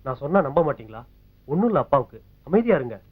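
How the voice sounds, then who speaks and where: Concerned younger brother; brisk delivery, phone-like audio. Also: male voice, mid-range voice, slightly rough. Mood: calming. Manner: calming, concerned. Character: caring male younger brother figure. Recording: tinny phone-like film audio.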